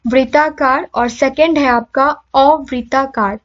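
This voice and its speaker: A young woman with a high, steady voice leads an exam-prep grammar lesson, asking her class questions and answering them herself. She sounds out each letter slowly so viewers can repeat after her. The audio is slightly dull and muffled.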